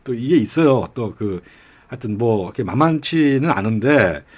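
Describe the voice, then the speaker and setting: A man's voice: mid-range voice, lively intonation, moderate pace, a little mellow. A middle-aged man giving casual political commentary, telling rambling anecdotes with chuckles along the way. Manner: acts out regional dialect quotes.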